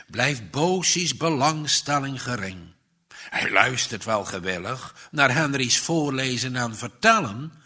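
Slow, lively male storybook reader. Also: fairly high pitch. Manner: slow, expressive reading with dramatic rises and falls. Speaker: narrator. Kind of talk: storybook reading.

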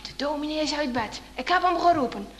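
A woman's voice: sits high, lively intonation, brisk, big-room sound, a little hiss or hum. A woman voicing a young skipper's boy who is scared but acts brave, answering in short earnest lines.

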